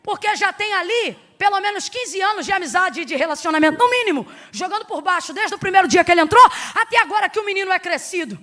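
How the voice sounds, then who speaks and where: Brazilian lady preacher, super high sharp voice, yelling then going quiet, keeps asking the church questions. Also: lively intonation, fast, few pauses. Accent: Brazilian Portuguese. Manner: emphatic, with rhetorical questions to the congregation; swings between shouted peaks and hushed speech. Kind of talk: sermon.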